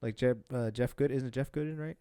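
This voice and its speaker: A man's voice: medium pitch, quick pace, warm tone, clean tone, no room sound, clean studio sound. A young man co-hosting a podcast, chatting casually about fights in a rambling way, full of fillers and restarts. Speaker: podcast co-host.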